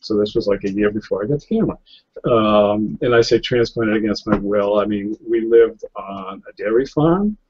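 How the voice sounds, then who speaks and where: A guest photographer from New England, US, rambles through a casual interview on a slightly lo-fi video call, seated in an office chair indoors and picked up by his webcam. His fairly low, slightly rough and a little mellow voice moves at a moderate pace, full of fillers, restarts and frequent chuckles.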